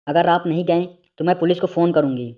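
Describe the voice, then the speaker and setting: A man voicing a frightened young woman who pleads and shouts for help, in a storybook reading. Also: fairly high pitch, fairly even intonation, brisk, phone-quality sound, close to an everyday voice. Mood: scared defiant.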